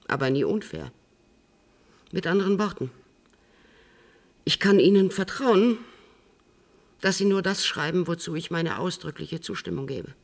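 An actress playing a composed, middle-aged woman held in custody, speaking in a measured, precise way in a radio drama. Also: low voice, vocal fry, exaggerated voice. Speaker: prisoner on remand giving an interview.

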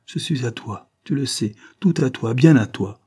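A man's voice: expressive, moderate pace, darkish tone, husky. A man reading an audiobook, voicing a young woman, an anguished and devoted lover, with a raised, pleading delivery. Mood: sobbing, devoted. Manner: pleading, impassioned, rising in pitch.

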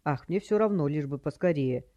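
Brief: narrator playing a barking, impatient thug, loud, dull lo-fi recording. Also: medium pitch, lively intonation, normal speed, natural voice. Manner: irritable, barking. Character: gruff impatient male criminal.

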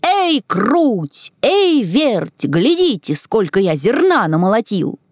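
A woman's voice: medium pitch, sing-song, measured pace, no room sound, clean studio sound. A woman voicing a hardworking little rooster in a children's storybook reading. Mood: calling.

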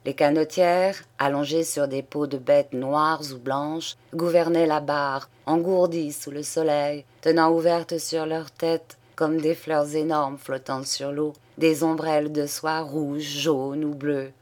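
Slow, measured female reader. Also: low voice, fairly even intonation, a little mellow. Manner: measured, unhurried reading. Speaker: audiobook reader. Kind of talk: literary narration.

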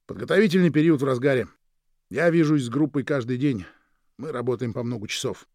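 A man doing a lively, worldly storyteller. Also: medium pitch, fairly quick, no room sound, clean studio sound, lightly acted. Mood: explaining.

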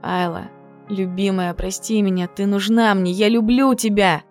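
A woman voicing a hushed remorseful young man. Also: medium pitch, steady tone, unhurried, faint music behind, lightly acted. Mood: pleading. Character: remorseful young wealthy man, cold then pleading.

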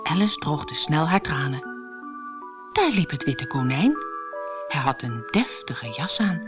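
Storyteller, woman from the Netherlands, lively children's story reading, lowish voice, soft music behind. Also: takes it slowly. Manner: lively, expressive narration.

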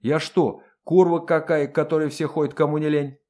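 A man's voice: mid-range voice, expressive, normal speed, darkish tone, natural voice. A man in his thirties voicing a brash, hot-tempered colonel who talks in a coarse, blunt, exclaiming way for an audiobook. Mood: indignant. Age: 30s. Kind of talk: audiobook character voice.

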